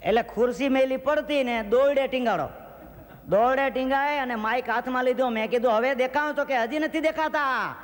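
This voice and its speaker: High-voiced comic telling stories on stage. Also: male voice, brisk, in a large hall. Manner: self-mocking storyteller, acts out hecklers' voices. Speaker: folk comedian. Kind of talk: stand-up joke telling.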